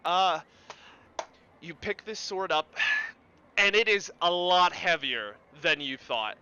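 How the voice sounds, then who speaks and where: A man narrating as game master of a tabletop game, lively and throwing in vocal sound effects. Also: high-pitched, slow, smooth, muffled recording.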